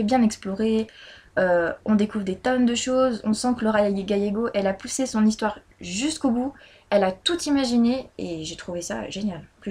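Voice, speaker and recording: A woman's voice: medium pitch, darkish tone, husky. A woman talking casually about the books she read this month, chatty and hesitant, with many fillers and restarts. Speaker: book blogger. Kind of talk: casual monthly reading review.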